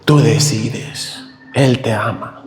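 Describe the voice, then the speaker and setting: A middle-aged man preaching a tearful, animated testimony sermon in a church hall. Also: medium pitch, slow pace, faint music behind. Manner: emotional, tearful, animated storytelling. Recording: echoey hall reverb.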